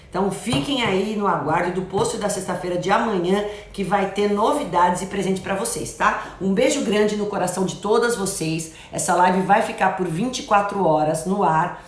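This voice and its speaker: A middle-aged woman doctor, casually answering viewer comments on a live stream. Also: on the low side. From Brazil. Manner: chatty, reads comments aloud and gives friendly advice. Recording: roomy echo.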